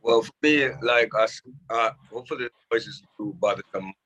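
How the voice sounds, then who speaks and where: A man's voice: lowish voice, fairly quick, poor audio. A man from Jamaica, a music producer, telling stories with animation in casual conversation from a rehearsal building. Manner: animated storytelling.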